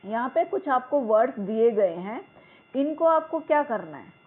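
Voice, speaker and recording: Woman, teacher, slightly high voice, slow deliberate reading, tinny phone-line sound. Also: expressive, breathy edge. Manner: reads English lines slowly and deliberately, explains in Hindi. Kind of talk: explaining a school English lesson.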